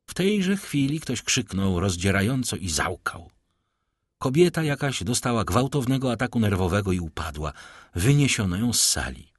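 A man narrating an audiobook in a measured, dramatic storytelling manner. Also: lowish voice, very animated, breathy edge, no room sound, clean studio sound.

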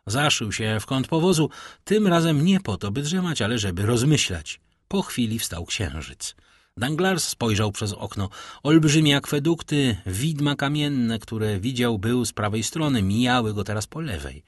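A man reading a classic novel aloud as an audiobook narrator, telling it expressively with a husky voice. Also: mid-range voice, normal speed, dry recording, studio quality. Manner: expressive storytelling with vivid intonation.

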